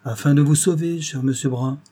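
A man's voice: medium pitch, a little fast, slightly rough, natural voice. A man reading aloud voices a playful, mischievous young woman who teases an older man. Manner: lively, teasing.

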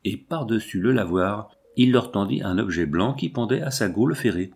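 A man narrating a classic novel as an audiobook, in a measured literary reading. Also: lowish voice, lively intonation, vocal fry, a little mellow, slightly rough.

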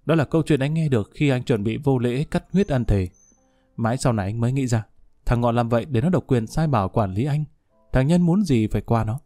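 A man voicing a jealous, violent young thug in a spoken story, harsh and shouting. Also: medium pitch, brisk, no echo, faint music behind, natural voice. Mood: anxious.

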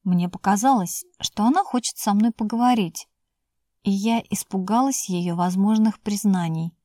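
A woman narrating a first-person novel in a measured, even storytelling manner, close to the mic. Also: medium pitch, no echo. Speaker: audiobook narrator.

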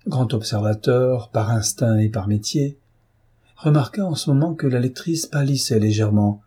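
Husky male audiobook narrator. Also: on the low side. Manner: steady, even storytelling. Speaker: audiobook reader. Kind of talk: scripted narration of a classic novel.

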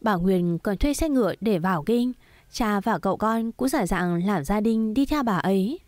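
A woman voicing a gentle, patient middle-aged mother who soothes her daughter in a storybook reading, with a soft coaxing tone and a dry recording. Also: mid-range voice, lively intonation, normal speed, no echo, lightly acted. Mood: recounting.

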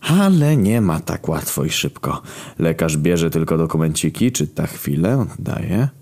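A man with a very deep, low voice tells a rude comic tale in the first person. He keeps the narration deadpan and steady, breaking into loud outbursts now and then. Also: a little slow. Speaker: storyteller.

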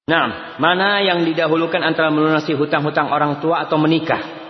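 Indonesian preacher guy, gets loud and high when he pushes a point, long reverb from a big room. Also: fairly quick. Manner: animated, swings loud and high for emphasis. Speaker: ustadz preacher. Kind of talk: sermon answering questions. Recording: dull echoey hall recording.

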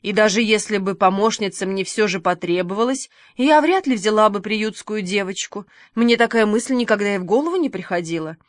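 A kindly, fussy middle-aged village woman, as a woman reader puts her on, brisk and motherly in a storybook reading. She softens her voice for endearments. The sound is dry and close, with a middling pitch. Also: dry recording, lightly acted.

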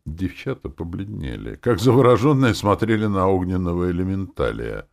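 A man reading a first-person fantasy audiobook in an expressive way, performing the dialogue. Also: deep voice, normal speed, creaky. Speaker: audiobook narrator.

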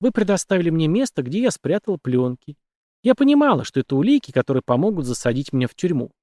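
Man playing a soft-spoken female killer, composed, menacing, lively raised voice, dry close sound. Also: fairly high pitch, quick pace, dry recording, voice pushed up. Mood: calm menace. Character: cold calm female killer, young woman.

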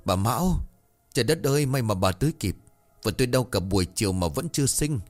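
A man's voice: medium pitch, lively intonation, brisk, a little mellow, close to an everyday voice. A man doing a panicked landlord. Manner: frantic, pleading. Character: panicked rich landlord man, domineering then desperate.

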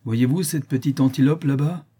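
A man's voice: medium pitch, steady tone, normal speed, dark tone, husky, pitched above the performer's own voice, close to an everyday voice. A man playing a haughty English adventurer. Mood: commanding. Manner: haughty, commanding. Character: bold English adventurer, commanding.

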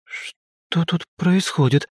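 A man reading an audiobook voices a frightened, curious young noblewoman in a hushed, uncertain whisper. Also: on the high side, moderate pace, no echo, clean studio sound, pitched above the performer's own voice, lightly acted. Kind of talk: audiobook character voice.

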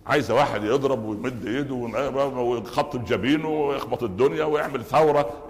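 A man's voice: mid-range voice, long reverb tail. A man with an Egyptian Arabic accent, preaching a Friday sermon lesson and telling stories with acted quotes and humor.

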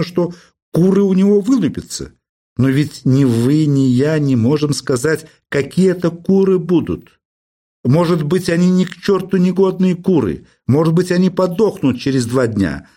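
A man's voice: a little high, lively intonation, normal speed, dark tone, pitched above the performer's own voice. A man voicing an irritable, fussy professor who lectures in exasperation. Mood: agitated. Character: irritable fussy male professor, middle-aged.

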